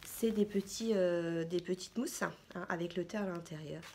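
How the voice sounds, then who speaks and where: A woman's voice: lowish voice, moderate pace, background noise. Chatty woman rambling through a haul. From France. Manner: chatty, rambling, many fillers. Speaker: vlogger. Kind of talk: casual shopping haul chat.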